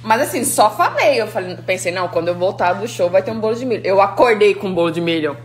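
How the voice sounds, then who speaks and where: A young woman vlogs from a country estate, chatting casually and playfully as she films. Her mid-range voice is expressive and quick-paced.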